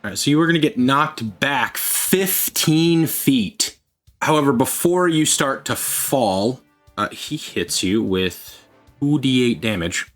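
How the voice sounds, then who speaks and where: A man narrating a tabletop game as game master, in a measured, laid-back way. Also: medium pitch, lively intonation, fairly bright tone. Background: faint music.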